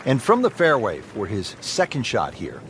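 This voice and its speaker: A man's voice: lowish voice, wildly swooping pitch, moderate pace. A man giving live golf commentary as lead announcer, in short, punchy phrases addressed to a co-commentator. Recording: loud outdoor crowd and ambient noise.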